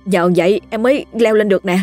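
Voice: mid-range voice, quick pace, darkish tone, no room sound, soft background music, natural voice. A storyteller voicing a young fisherman who stammers in panic after a ghost attack. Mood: terrified.

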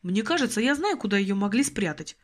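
A woman's voice: medium pitch, animated, a little fast, lightly acted. A woman voicing a weary, put-upon young man who groans and grumbles, in an audiobook reading. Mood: glum. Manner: groaning, glum.

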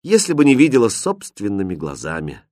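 A man's voice: fairly low pitch, huge pitch swings, brisk, darkish tone, dry recording, clean studio sound. A man voicing an anxious, kind young kitchen maid in a storybook reading, pleading and worried. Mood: shy.

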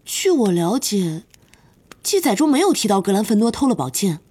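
A woman's voice: mid-range voice, very animated, moderate pace, warm tone, husky. A woman voicing a clever, earnest teenage witch who talks in a reasoned, insistent way. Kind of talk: audiobook character voice.

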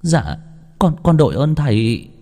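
A woman's voice: a bass voice, very animated, unhurried, gravelly, mellow, pitched above the performer's own voice, full character voice. A desperate young widow voiced by a man begs in a raised, pleading voice that stammers and trembles with tears. Her voice rises well above the storyteller's own, and a long reverb trails after every line in this spoken ghost story. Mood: grateful.

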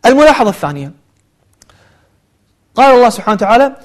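A man teaching Quran recitation, switching between slow chanted verses and quick spoken explanation. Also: very high voice, big pitch swings. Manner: alternates slow melodic recitation with brisk explanation. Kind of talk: tajweed lesson with chanted examples.

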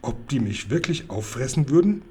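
A man voicing a small, curious little girl from a storybook, who asks eager questions and is quickly horrified. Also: mid-range voice, big pitch swings, dark tone, breathy edge. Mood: questioning. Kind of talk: bedtime story reading.

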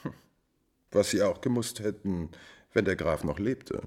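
In a classical German radio drama, a male actor with a deep, slightly mellow voice plays a calculating, coolly insolent court adviser. His delivery is measured, formal and insinuating, with a dry edge.

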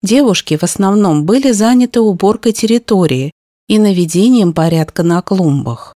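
A woman reading a first-person story aloud in a steady, even narration style. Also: medium pitch, normal speed, dry recording, clean studio sound. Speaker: audiobook narrator.

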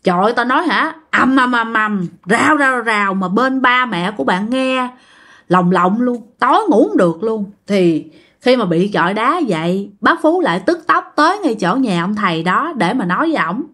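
A woman's voice: on the high side, lively intonation, normal speed, a bit bright. A woman with a Southern Vietnamese accent telling a ghost story casually, chatting straight to her listeners.

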